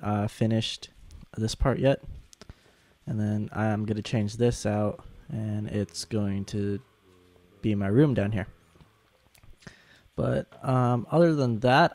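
Young man, sick sore throat with swollen-tonsils sound, slow halting delivery, gravelly fry, casual gaming commentary. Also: lowish voice, steady tone, a little mellow, dry recording. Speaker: gaming video host.

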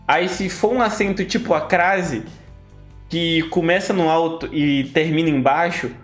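Chatty Brazilian man, slightly high voice. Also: unhurried, soft background music. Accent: Brazilian Portuguese. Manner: rambling, enthusiastic, restarts often. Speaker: react video host. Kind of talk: casual chat.

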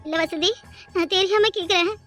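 A woman's voice: very high-pitched, brisk, a bit bright, faint music behind. A woman voicing a troubled married woman whose husband lies unconscious, pleading emotionally in a cartoon dub. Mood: hurt. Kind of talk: cartoon dubbing.

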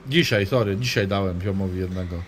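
Speaking a little fast in a low-pitched voice, a man provides live gaming commentary, cursing constantly. He crudely banters with and mocks his chat and teammate, with slight background noise present.

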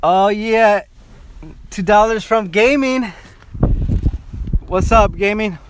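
Excitable man live-streaming outdoors. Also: high-pitched, slow, slight background noise. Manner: excitable, thanks viewers over and over. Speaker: vlogger. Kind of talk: live-stream vlog, chatting with viewers. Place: outdoors at a car auction lot.

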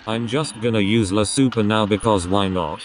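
A male text-to-speech voice reading casual let's play commentary, with an even machine delivery. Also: on the low side, normal speed. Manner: evenly paced machine reading of casual gaming banter. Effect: text-to-speech synthetic voice. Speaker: gaming channel host. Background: video game music.

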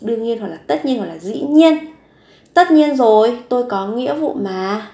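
Woman teaching words slowly. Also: on the high side, expressive, creaky, dark tone. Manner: slow, careful repetition of each word. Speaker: Korean language teacher. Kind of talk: vocabulary lesson with repeated example sentences. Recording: echoey room.

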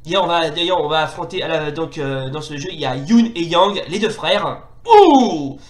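A man giving live commentary on a retro fighting game, hesitant and full of fillers, bursting into excited exclamations during the fights. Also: a little high, normal speed. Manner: hesitant, many fillers and restarts. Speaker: retro gaming video host. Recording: roomy echo.

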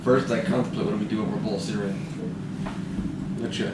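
A man's voice: lowish voice, fairly even intonation, fast talker, distant mic, background noise. A man, a husband and father, bantering with dry jokes at home, picked up from across the room. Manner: dry, joking. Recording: roomy, off-mic home audio.

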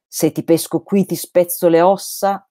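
A woman's voice: lowish voice, steady tone, measured pace, warm tone, no room sound, clean studio sound, voice pushed up, close to an everyday voice. A woman reading aloud the lines of an eccentric, vehement male holy fool, in an emphatic read-aloud delivery. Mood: taunting.

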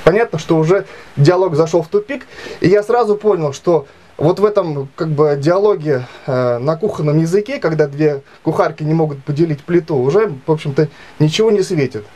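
Late 30s guy vlogging his complaint to camera, slightly high voice, lots of ums and restarts. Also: mellow. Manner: halting, many fillers and restarts, aggrieved retelling. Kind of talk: casual storytelling to camera. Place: small indoor room.

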